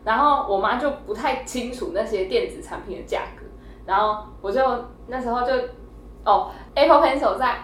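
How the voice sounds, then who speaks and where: A woman's voice: on the high side, moderate pace, fairly bright tone. A young woman hosting a casual podcast, telling a funny story animatedly with laughter and acted-out quotes. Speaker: podcast host. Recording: roomy echo, faint noise.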